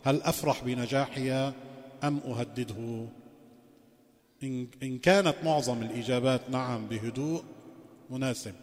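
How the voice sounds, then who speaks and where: Sheikh lecturing in an echoing hall. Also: male voice, mid-range voice, moderate pace, long pauses. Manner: poses rhetorical questions, mixing formal phrasing with colloquial asides. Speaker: sheikh giving a lecture course. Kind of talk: religious lecture. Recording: long reverberant hall.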